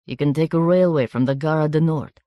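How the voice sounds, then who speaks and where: For an audiobook, a woman with a low, natural voice plays a thin foreign teenage boy who is sly and knowing. She gives him a sibilant tone, a harsh accent, and halting, oddly formal phrasing, in a recording that is dry and muffled.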